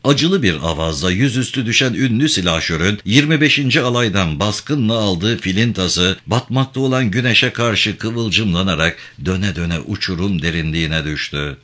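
Low-voiced dramatic male narrator. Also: moderate pace, few pauses. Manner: expressive, dramatic reading. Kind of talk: audiobook narration of a novel.

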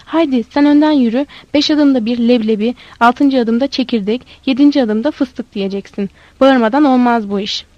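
A woman voicing a bossy, streetwise boy vendor who scolds loudly and insistently. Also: a little high, moderate pace, hardly any pauses, no echo, dull audio, close to an everyday voice. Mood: teasing.

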